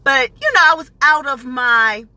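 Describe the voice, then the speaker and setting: A woman from New Jersey telling a personal story on a live stream, animated and chatty, stopping to greet viewers by name. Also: high voice, normal speed, poor audio.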